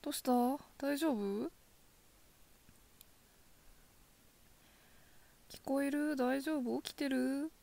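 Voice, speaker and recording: A woman voicing a possessive yandere girlfriend in a soft ASMR role-play, sweetly coaxing with quiet menace. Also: high-pitched, normal speed, creaky. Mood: feigned concern. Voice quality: soft, often dropping in a soft voice. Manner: yandere: sugary coaxing turning quietly threatening.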